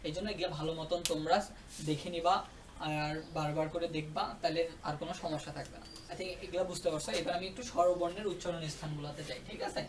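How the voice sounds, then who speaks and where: Fast and flat in delivery, a male tutor with a voice on the high side explains a grammar lesson and repeatedly asks whether students follow. The recording is distant, with roomy echo and a noisy background.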